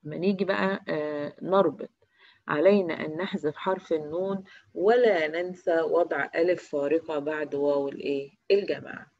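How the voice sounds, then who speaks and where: A teacher with an Egyptian Arabic accent leads a grammar review lesson. They pose quick quiz questions, answer them, and repeat example words slowly, one by one. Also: mid-range voice, steady tone, a little mellow, dry recording. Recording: dry, slightly dull recording.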